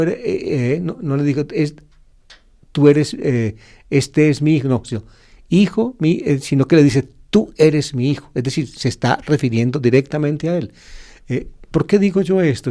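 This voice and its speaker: Male priest, mid pitch, mellow tone, unhurried teacherly sermon with frequent fillers and self-corrections. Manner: teacherly, explains slowly with many fillers and restarts. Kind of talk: gospel reflection sermon.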